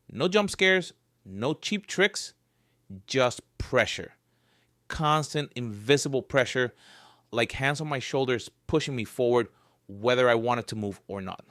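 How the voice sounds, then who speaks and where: A man narrates a creepy survival tale in the first person, keeping a dry, joking edge even at the darkest moments. His voice sits at an everyday middle pitch. The recording is close and dry, with no room sound. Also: dry recording. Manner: wry, joking storyteller with dark humor.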